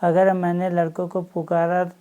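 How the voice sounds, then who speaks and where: A woman's voice: on the low side, monotone, normal speed, dark tone, lo-fi sound, lightly acted. A woman voicing a hurt, brooding young village man musing to himself in a storybook reading.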